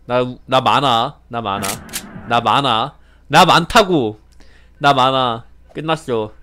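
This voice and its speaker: A young man giving excited game commentary as a streamer, pleading, laughing and repeating himself. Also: mid-range voice, slight background noise. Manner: animated, pleading and laughing, repeats phrases rapidly. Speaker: gaming streamer.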